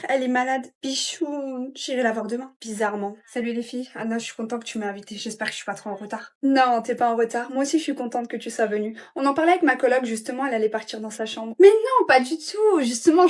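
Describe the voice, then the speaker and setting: A woman performing comedy sketches, trading brash slangy retorts as every character. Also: fairly high pitch.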